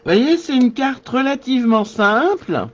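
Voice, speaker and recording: A man's voice: very high voice, sing-song, highs cut off, noisy background. A man giving a live card-making tutorial, thinking aloud as he works and answering viewers. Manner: slow, thinking aloud while working.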